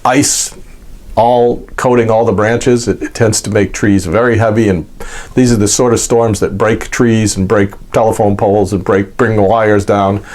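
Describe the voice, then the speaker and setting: An American man giving an informal, unscripted explanation in a halting, folksy way, repeating words as he goes. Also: on the low side, level tone, a little mellow. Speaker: host of an explainer vlog.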